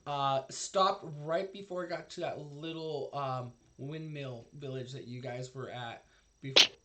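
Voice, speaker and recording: Slow, halting game master man. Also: medium pitch, fairly even intonation, heavy background noise. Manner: halting, many fillers. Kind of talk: narrating a tabletop game.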